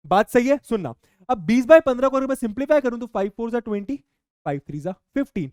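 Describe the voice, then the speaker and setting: A young man teaching a maths lesson to students, lively, repeating key points and asking the class questions. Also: very high voice, fast, clear, resonant tone, no room sound, studio quality.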